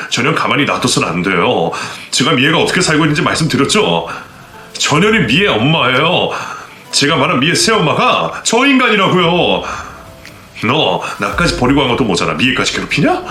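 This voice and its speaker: A man plays an enraged young son whose voice jumps up and down as he yells. His tone is bright and forceful. The echoey room carries a faint music bed. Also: medium pitch, big pitch swings, quick pace, few pauses. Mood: furious. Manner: shouting, accusing. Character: furious young adult son, shouting accusations. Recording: roomy echo, faint background music.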